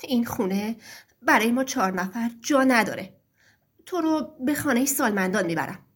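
A woman voicing a harsh, grumbling young farmer son in a storybook tale, speaking curtly with a breathy voice. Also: on the high side, expressive. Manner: scolding, curt.

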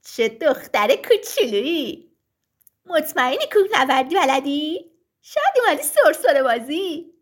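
A woman's voice: high voice, sing-song. Storybook mountain voices, mocking and jeering; woman narrator voices them. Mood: taunting. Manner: taunting, jeering.

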